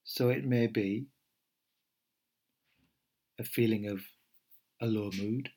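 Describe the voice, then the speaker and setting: Middle aged guy, meditation teacher, slightly husky voice, gentle and slow with lots of ums. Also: on the low side, steady tone. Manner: gentle, unhurried, pausing with fillers and restarts. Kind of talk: podcast talk before a guided meditation.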